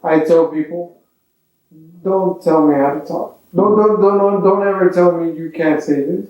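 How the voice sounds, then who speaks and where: In a casual podcast conversation, a comedian spins animated stories full of blunt profanity. He speaks at a moderate pace in a high-sitting voice. The audio sounds dull and echoes heavily off the room.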